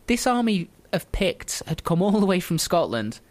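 A man's voice: high voice, very animated, normal speed. A man casually telling a history story on a podcast, chatty and joking, laughing often.

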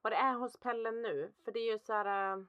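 A woman's voice: a little high, clear, resonant tone, no echo, lo-fi sound. A woman in casual chat, reflective and supportive, often murmuring agreement.

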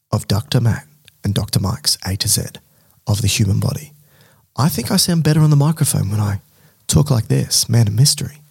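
A podcast co-host putting on a deep, mysterious "man of mystery" voice in playful, theatrical chat. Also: gravelly, darkish tone, husky.

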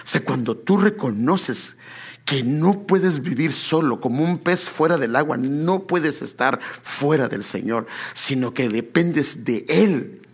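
A man's voice: on the high side, expressive, slow pace, husky. A man preaching a sermon and telling his own testimony. He keeps calling the listener brother and builds up to emphatic exclamations.

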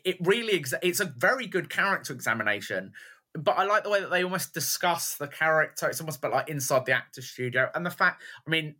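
A man co-hosting a podcast, chatting casually about films in an animated, rambling way. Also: mid-range voice. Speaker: podcast co-host. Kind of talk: casual film chat.

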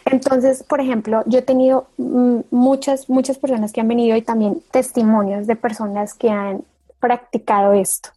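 A woman co-hosting a faith talk show, her voice mellow and a little high. She speaks earnestly and circles back over her words as she teaches. The sound is dry and close, as in a studio. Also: level tone, moderate pace, dry recording. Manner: earnest, repeats phrases while preaching and recounting testimonies.

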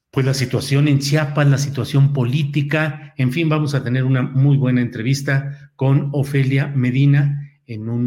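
A Mexican man hosts a live interview show. His voice sits at a middle pitch and his delivery is unscripted. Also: a little mellow. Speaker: host of a live online news and interview show.

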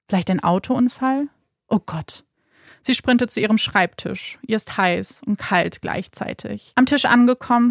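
A woman narrates a true-crime story in a measured, dramatic way. Her voice has a gravelly fry, recorded close and dry with no room around it. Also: mid-range voice, no room sound. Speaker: podcast narrator.

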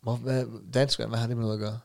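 A man's voice: mid-range voice, flat delivery, gravelly, darkish tone. A man co-hosting a podcast, casually reacting to his friend's story with short agreements and incredulous questions. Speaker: podcast co-host. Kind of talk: casual chat.

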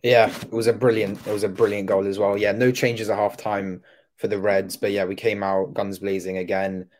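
A man with a low, flat voice co-hosts a football podcast and chats through a match review. He rambles and fills his talk with many "um"s and "yeah"s. His tone stays level with little rise and fall. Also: moderate pace, slight background noise. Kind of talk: casual match review chat.

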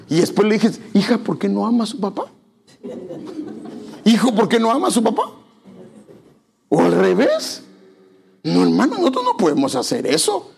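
A man's voice: on the high side, creaky, darkish tone, breathy edge. A male pastor preaching a conversational sermon in church, speaking directly to the congregation.

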